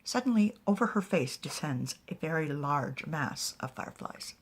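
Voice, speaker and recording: A woman telling a fantasy story aloud in an animated way, often dropping to a whisper. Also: low-pitched, normal speed. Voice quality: husky and breathy.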